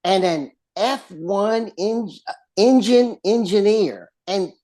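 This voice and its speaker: A man's voice: high voice, takes it slowly, a little mellow. Man with a West Texas twang. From West Texas, United States. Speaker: lawyer and author, in conversation. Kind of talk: casual conversational storytelling.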